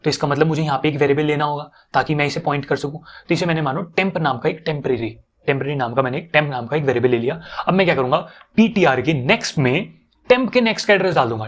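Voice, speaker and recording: A man's voice: fairly high pitch, a bit bright. Young man teaching, casual and repetitive. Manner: casual, repeats steps, checks in with students. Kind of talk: explaining code on a whiteboard.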